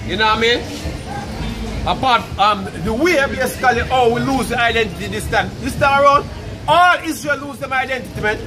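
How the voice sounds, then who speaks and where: A man's voice: very high voice, a little fast, noisy background. A man in his thirties with a Jamaican accent, preaching insistently on a city street at night, often adding "you know what I mean" and "man". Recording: street crowd and music behind.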